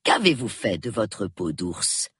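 A man reading an audiobook, voicing a shrewd, prim elderly spinster who speaks in a measured, precise, calmly reproving way. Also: fairly low pitch, husky, no echo, clean studio sound, heavily acted. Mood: calm, knowing. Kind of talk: audiobook character voice.

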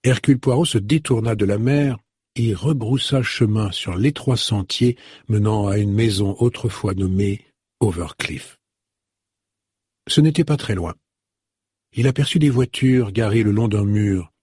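Audiobook narrator: man, husky, measured delivery, close dry sound. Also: fairly low pitch, darkish tone, no echo. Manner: measured storytelling. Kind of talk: scripted narration.

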